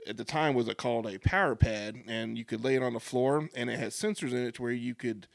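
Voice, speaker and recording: A man's voice: medium pitch, fast talker, creaky, dry recording, studio quality. A man in his forties, co-hosting a podcast, telling rambling nostalgic stories in casual chat. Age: 40s. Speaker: podcast co-host.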